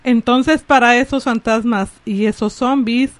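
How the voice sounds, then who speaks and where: A woman co-hosting a casual chat, playful and quick with asides. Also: fairly high pitch, steady tone, dry recording. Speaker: podcast co-host.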